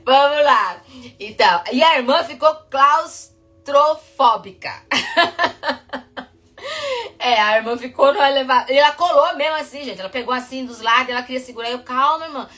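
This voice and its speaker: Talking casually to camera, this woman, a psychotherapist, tells chatty stories that race forward and then halt as she reins herself in. Her voice sits high with a fairly bright tone.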